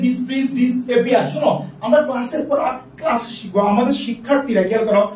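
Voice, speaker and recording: Man teaching a live online class, very high voice, repeats drills, echoey room, far from the mic. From Bangladesh. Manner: drills word pairs by call and response, repeating each several times. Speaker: English teacher for admission test students.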